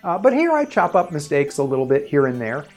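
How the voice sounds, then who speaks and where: A man's voice: fairly high pitch, big pitch swings, fairly quick, darkish tone, soft background music. A man giving tips in a casual, plain-spoken on-camera tutorial, recorded on his own camera, with occasional fillers. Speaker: video presenter giving tips. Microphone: self-recorded on his own camera.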